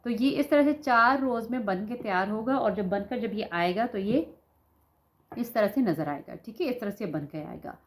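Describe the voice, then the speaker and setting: A woman's voice: fairly high pitch, animated, normal speed. Patient woman teaching knitting, sore-throated. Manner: patient, repeats "ठीक है" as she demonstrates. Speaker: knitting instructor. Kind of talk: step-by-step craft tutorial.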